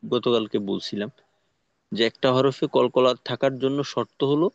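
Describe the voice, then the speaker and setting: A man teaching Quran recitation in an online lesson, explaining slowly and patiently with pauses. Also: medium pitch, vocal fry, dry recording, dull audio.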